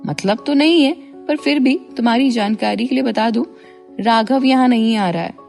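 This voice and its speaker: A woman's voice: a little high, moderate pace, gravelly, a little mellow, faint music behind. A woman voicing a caring, emotional young college woman who speaks in an earnest, pleading way. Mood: teasing.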